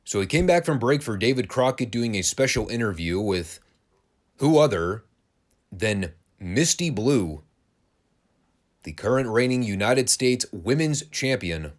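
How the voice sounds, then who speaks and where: A man's voice: medium pitch, animated, a little slow. A man hosting a wrestling podcast, giving a casual, sarcastic and crude play-by-play review of an old broadcast. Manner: sarcastic, crude, dry humor.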